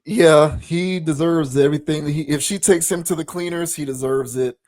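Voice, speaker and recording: A man hosting a podcast, giving his opinions in a measured, deliberate, somewhat preachy way. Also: fairly high pitch, darkish tone, no echo. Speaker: podcast host. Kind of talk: opinion commentary.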